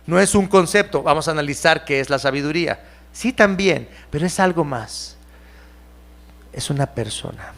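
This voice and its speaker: A man with a Mexican Spanish accent preaching a sermon as pastor in church, animated, at times mimicking churchgoers. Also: on the high side, moderate pace.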